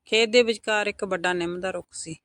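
A woman with a Punjabi accent narrating a first-person story in a soft, intimate scripted delivery. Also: medium pitch, fairly even intonation, brisk, no echo.

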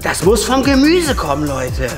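A man's voice: high-pitched, wildly swooping pitch, a little slow. A middle-aged man with a theatrical, grumbling manner, acting in a playful comedic skit. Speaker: comic sidekick playing a guard. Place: large workshop hangar indoors. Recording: roomy echo, music behind.

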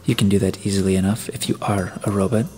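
A man reading the part of a hard-edged, suspicious detective from Earth. He presses with pointed questions and snaps out orders in a low, firm voice. Soft music sits behind. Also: little pitch movement, quick pace, close to an everyday voice. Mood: commanding suspicious. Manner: blunt, commanding, probing.

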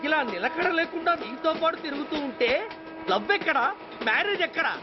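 A whiny unmarried thirty-ish sidekick, highish voice, noisy muffled film sound. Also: male voice, lively intonation, brisk, music in the background. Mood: complaining. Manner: self-pitying, rambling complaint. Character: grumbling unmarried man around thirty, sidekick. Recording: dull film audio with background noise.

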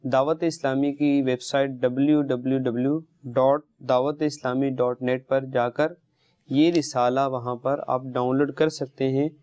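Here a religious storyteller hosting a children's show teaches moral lessons through stories, speaking at medium pitch with little pitch movement and a darkish tone. He is seated on a carpet among children in an indoor studio set, and the recording is dry. Instructive in manner, he frequently turns to his young audience with questions and favourite phrases.

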